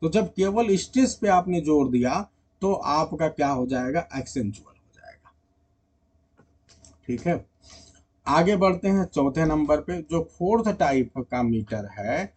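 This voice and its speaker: A slightly high, husky male voice teaching an exam-prep lesson. He explains each point step by step, checks in with the class often, and switches into English for definitions. The delivery is patient and methodical. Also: expressive, measured pace, a little mellow. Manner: mixes English terms and read-out definitions into Hindi.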